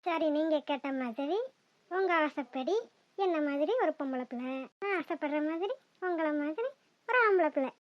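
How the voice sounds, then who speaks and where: A woman voicing a shy, teasing young wife in a cartoon who talks softly. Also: sits high, expressive, moderate pace. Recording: dry, dull lo-fi sound.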